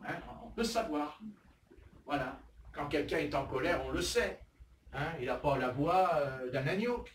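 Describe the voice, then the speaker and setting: Animated preacher in his sixties. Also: a little high, a little slow, a little hiss or hum. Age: 60s. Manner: animated, acts out little scenes in put-on voices, asks "hein?" often. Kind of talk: lively sermon. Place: church hall. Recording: echoey hall, voice from far off.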